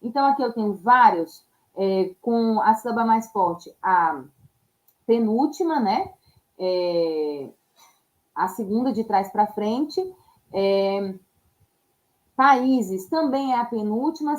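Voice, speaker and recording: A woman teacher with a slightly high voice works through exam questions one step at a time. She keeps checking in with her students using short tag questions. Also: lively intonation, measured pace, low-quality recording. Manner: explains step by step, often checks in with "né?" and "ok?". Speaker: Portuguese teacher. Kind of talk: exam-prep lesson.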